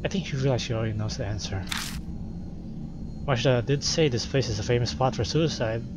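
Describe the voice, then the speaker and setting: A man playing through a game, reading its text aloud and reacting excitedly, swearing often. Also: medium pitch, brisk, very noisy. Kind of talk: playthrough narration with reactions.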